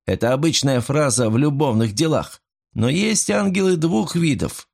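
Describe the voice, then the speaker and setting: A man's voice: mid-range voice, lively intonation, normal speed, vocal fry, a little mellow, voice pushed up. A man voicing a worldly young man who teases his friend with light irony. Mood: teasing. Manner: teasing, lightly ironic. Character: mocking worldly young male rake.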